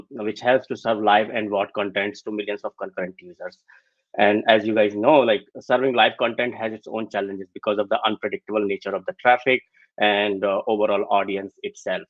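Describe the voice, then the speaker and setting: A man giving a technical presentation remotely, halting often and leaning heavily on fillers. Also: lowish voice, dry recording. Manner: halting, filler-heavy delivery. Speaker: tech conference speaker. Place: remote, over online call. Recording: dull, lo-fi call audio.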